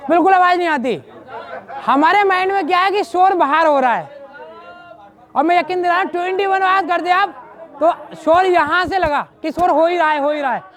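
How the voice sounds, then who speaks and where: A man leading a yoga class in a public park, coaxing and repetitive, speaking straight to the participants. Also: extremely high pitch. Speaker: yoga trainer. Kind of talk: instructing an outdoor yoga class.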